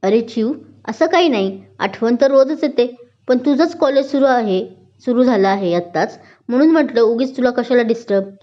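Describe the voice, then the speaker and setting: A woman voicing Ketaki, a bubbly and excitable young college woman in a spoken story. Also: on the high side, normal speed, lightly acted. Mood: lively. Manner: lively, excitable. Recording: dull lo-fi recording.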